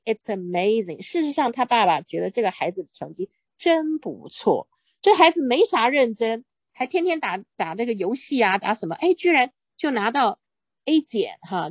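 A woman's voice: on the high side, no room sound. A woman teaching English in Mandarin. She reads short English phrases, then explains each one in Mandarin, often saying OK between points. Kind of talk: Mandarin-language English reading lesson.

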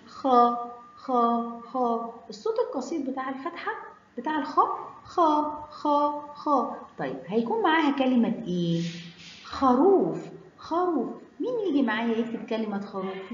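A woman's voice: on the high side, a little hiss or hum. A woman with an Egyptian Arabic accent teaching children the alphabet, stretching out each letter sound in a sing-song way. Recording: echoey room, dull lo-fi sound.

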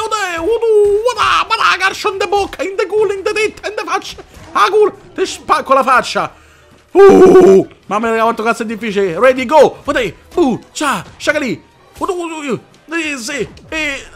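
A man doing excitable gameplay commentary, swearing and making fighting sound effects with his mouth. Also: extremely high pitch. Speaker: gamer.

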